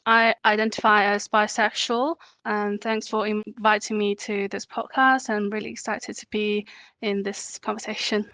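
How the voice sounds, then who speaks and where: A woman from China, a podcast guest answering in a relaxed way with light laughter. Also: medium pitch, normal speed, no echo. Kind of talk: casual interview answers.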